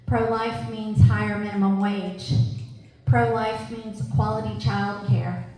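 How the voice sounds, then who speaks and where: Woman, impromptu public commenter at a town hall, earnest, mellow voice, heard from far off in a very echoey room. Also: medium pitch, flat delivery, slow pace. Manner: earnest, building to a rallying list. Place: museum meeting room.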